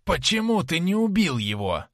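A man's voice: a little high, very animated, normal speed, no echo, clean studio sound, voice pushed up. A man voicing a spiteful drunken woman from a tavern who hisses her words. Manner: hissing, spiteful.

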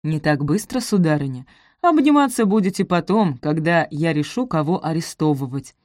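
A stern, weary middle-aged magistrate, read by a woman, curt and impatient with the people before him. The voice sits low and close in a dry recording. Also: expressive, moderate pace, a little mellow, no room sound.

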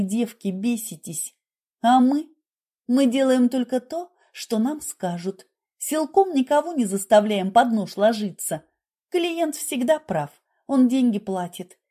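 A woman voicing a blunt middle-aged nurse who lectures brusquely, in a husky voice. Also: lowish voice, warm tone.

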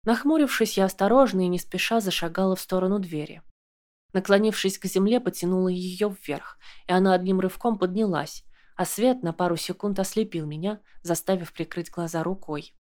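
A woman narrates an audiobook in the first person. Her reading is calm and measured, an even storytelling voice. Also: lowish voice.

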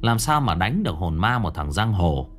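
A man narrating a ghost story in a dramatic, animated storytelling manner. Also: deep voice, moderate pace, soft background music.

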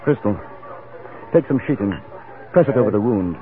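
An actor with an English accent narrating and playing a cool-headed, urbane gentleman adventurer in a 1950s radio drama, polished and dry. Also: lowish voice, animated, normal speed, close to an everyday voice. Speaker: narrator and lead. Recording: narrow-band 1950s radio broadcast with music.

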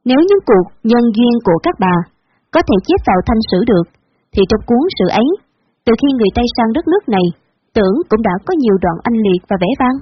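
A woman's voice: a little high, lively intonation, fast talker, a little hiss or hum, natural voice. Woman doing a bitter, defiant woman. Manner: heated, insistent. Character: bitter, defiant woman speaking for her kind. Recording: dull lo-fi recording.

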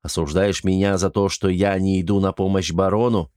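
A man's voice: low-pitched, little pitch movement, normal speed, darkish tone, no echo, studio quality, close to an everyday voice. Man doing a brusque, irritable young lord. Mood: commanding. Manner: brusque, exasperated, commanding. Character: irritable young lord commanding his men.

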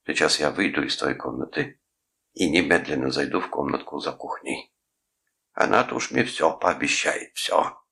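A male reader voicing a pompous, sanctimonious middle-aged uncle who lectures his nephew in drawn-out phrases. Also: rumbling low, animated, gravelly, sharp tone, heavily acted. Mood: threatening.

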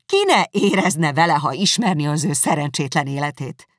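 An audiobook narrator voicing an indignant, sharp-tongued young woman who accuses emphatically and heatedly. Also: medium pitch, animated, no echo, studio quality. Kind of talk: audiobook character reading.

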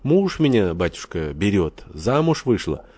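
A man voicing an outspoken, excitable older aunt who talks in folk sayings. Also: lowish voice, a little slow, breathy edge, no room sound, pitched above the performer's own voice, exaggerated voice. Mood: emphatic. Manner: emphatic, folksy.

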